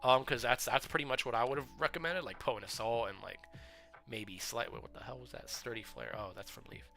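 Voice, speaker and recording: A young man streaming casual commentary on viewers' game builds, chatty and full of fillers, with excited outbursts. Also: medium pitch, brisk, gravelly. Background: faint background music.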